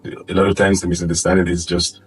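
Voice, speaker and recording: A man with a Nigerian accent speaking conversationally on a panel, halting and repeating phrases for emphasis. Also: sits low, flat delivery, soft background music. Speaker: panel guest, music minister. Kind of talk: conversational testimony and advice. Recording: echoey room, distant microphone.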